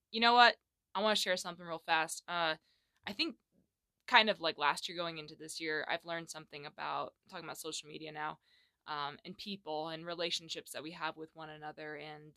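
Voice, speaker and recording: A young woman hosting a solo podcast from her home closet, chatting candidly in slang and moving between loud bursts and hushed asides. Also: low-pitched, creaky, no echo. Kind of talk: casual solo podcast chat.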